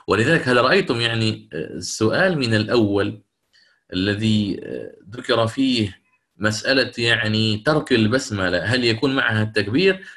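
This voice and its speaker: In an online class with recited examples, a male teacher of recitation speaks in a bright voice pitched in the middle range. His approach is explanatory, with pauses to make sure students are following and to take their questions.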